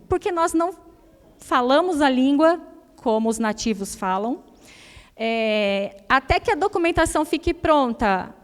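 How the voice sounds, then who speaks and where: A woman with a Brazilian Portuguese accent gives a church talk built on personal stories, telling them in a lively way and playfully mimicking sounds. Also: high voice. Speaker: guest speaker at a church service. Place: church hall. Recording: reverberant church hall.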